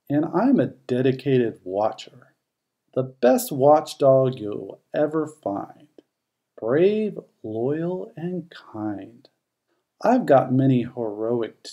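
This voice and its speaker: Reading a rhyming picture book for children, this man uses an expressive, measured storytelling style. His voice sits in the mid range.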